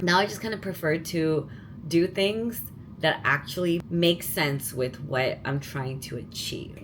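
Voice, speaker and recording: A woman's voice: sits low, a little hiss or hum. A woman in her late twenties talking candidly and reflectively in a casual vlog, with many "like" fillers, at home in her kitchen. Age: 20s. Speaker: vlogger and dance teacher. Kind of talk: casual chatty vlog talk.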